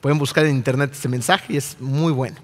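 A man preaching a sermon, animated and asking his audience rhetorical questions. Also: mid-range voice, fairly quick, big-room sound.

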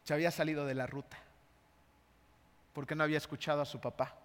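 A man's voice: a little high, quick pace. Mexican man preaching in a reverberant hall. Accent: Mexican Spanish. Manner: lively storytelling, often checks in with the congregation. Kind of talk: sermon with a personal story.

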